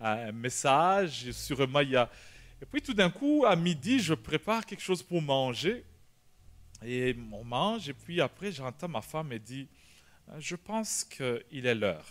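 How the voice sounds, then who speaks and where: A male pastor, telling a personal story in a sermon, animated and shouting at the dramatic moments. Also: mid-range voice, unhurried. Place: church prayer meeting.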